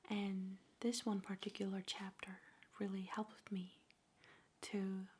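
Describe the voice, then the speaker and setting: Slowly and gently, a woman guides a meditation in a soft, breathy ASMR whisper, leaving measured pauses. Her voice sits in the mid-range, and her delivery is flat.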